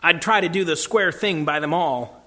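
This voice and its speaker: Humble london cabbie done by a guy, drops his aitches, bad grammar, earnest and respectful, voice sits a bit high. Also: moderate pace, bright, forceful tone, long reverb tail. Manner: dropped aitches and rough working-class grammar; earnest and deferential. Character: rough humble male London cab driver.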